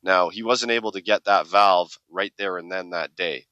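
Deep, bright-edged man pitching a product. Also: normal speed, dry recording. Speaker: product presenter. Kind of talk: promotional talk. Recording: dry, slightly muffled sound.

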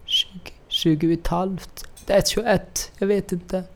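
A young man from Syria with a gravelly, high-sitting voice, Arabic his first language, appears as a guest in a storytelling interview. He tells his stories in broken Swedish, animated and laughing.

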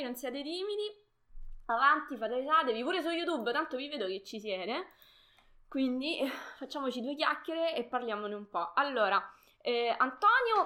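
A woman's voice: fairly high pitch, sharp tone. A young woman hosting a live stream, chatting casually with viewers, greeting them by name and laughing often.

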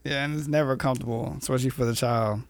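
A man's voice: mid-range voice, fairly even intonation, fast, vocal fry, dry recording. A man in a casual chat, laid-back and agreeable, with slangy replies. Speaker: podcast co-host.

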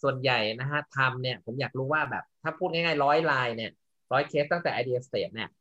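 A man's voice: mid-range voice, fairly quick, pushed and bright, muffled recording. Man, podcast host, mid-range voice, polite, asks questions. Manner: polite, hands questions to guests. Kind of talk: casual interview hosting.

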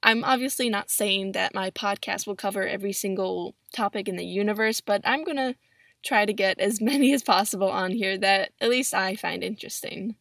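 A woman's voice: mid-range voice, brisk, creaky, a bit bright, dry recording, studio quality. A seventeen-year-old young woman hosting a solo podcast in a chatty way, recorded on a laptop microphone in a pillow-padded closet. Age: 17, teenager. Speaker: podcast host. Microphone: built-in laptop microphone.

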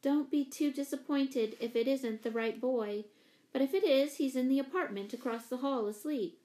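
A kind, sensible mother from a storybook, gentle yet firm with her children, voiced by a woman reader whose voice sits fairly high. She speaks with calm, careful warmth. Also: moderate pace, natural voice. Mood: cautious.

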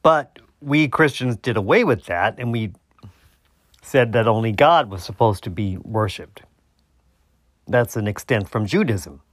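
A man hosting a solo debunking podcast, explaining his points haltingly and often rewording himself mid-sentence. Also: fairly low pitch, animated, no room sound, studio quality. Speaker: podcast host.

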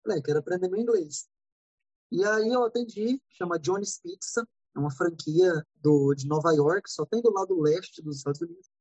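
Brazilian guy on a podcast, husky voice, dry close sound, animated storytelling with little voices for people. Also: high-pitched, normal speed, no echo, dull audio. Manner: animated, acts out dialogue in anecdotes. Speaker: guest. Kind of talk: casual storytelling. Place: living in California.

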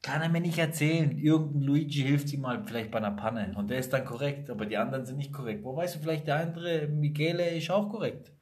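Talking fast with few pauses, this Italian man's voice sits on the high side. He's blunt and emphatic in a casual chat, animatedly recounting stories from his own life, and he has Italian roots.

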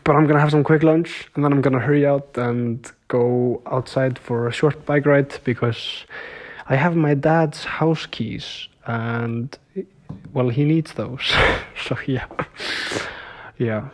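A young man keeps a casual video diary, speaking straight to his viewers at a middle pitch. He rambles through his stories, leans on filler words and laughs now and then. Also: steady tone, takes it slowly. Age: young adult. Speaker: vlogger.

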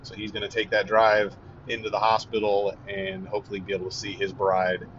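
A man giving a casual, earnest update, halting with many fillers and restarts. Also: lowish voice, completely flat delivery, a bit bright. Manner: earnest and relieved. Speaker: vlogger giving a family update. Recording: dull lo-fi audio with faint vehicle noise.

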